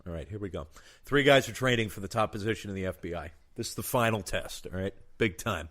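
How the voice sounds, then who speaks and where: A man's voice: on the low side, fast, a bit bright. A young man casually telling jokes to a friend and laughing at his own punchlines. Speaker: comedian trading jokes. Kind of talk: casual joke-telling chat.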